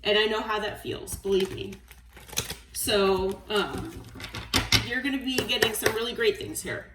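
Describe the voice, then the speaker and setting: A woman giving a collective tarot reading in a gentle, encouraging way, often checking in with "okay?". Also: mid-range voice, measured pace, recorded from a distance, heavy background noise. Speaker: tarot reader. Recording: roomy sound, voice away from the mic.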